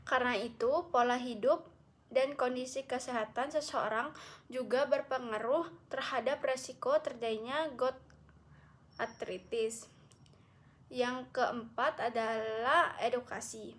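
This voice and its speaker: High-voiced young woman presenting coursework. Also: steady tone, a little slow, a bit bright. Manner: careful explanatory reading with frequent self-corrections. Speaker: medical student. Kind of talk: recorded class presentation.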